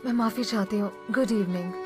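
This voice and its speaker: A woman's voice: mid-range voice, brisk, over music, natural voice. A woman dubbing a polite young woman who apologizes and asks to leave. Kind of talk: Hindi dub of a TV drama.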